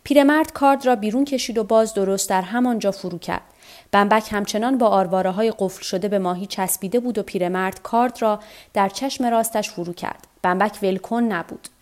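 Calm woman reading a story aloud. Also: mid-range voice. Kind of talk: scripted narration of a translated novel.

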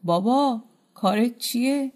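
A mysterious old wanderer, as a woman reads him aloud hands out calm, knowing advice. He speaks in an unhurried, instructing way. The tone is dark and mellow, pitched a little high. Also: close to an everyday voice.

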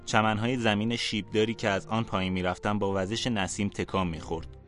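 A man calmly narrating a fantasy storybook for a podcast. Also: fairly low pitch, faint music behind.

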